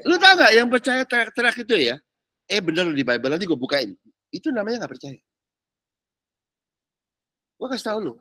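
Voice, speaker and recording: A man preaching, teasing and animated in slangy street talk, mimicking people as he goes. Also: high-pitched, brisk, pauses often, no room sound, studio quality. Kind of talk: sermon.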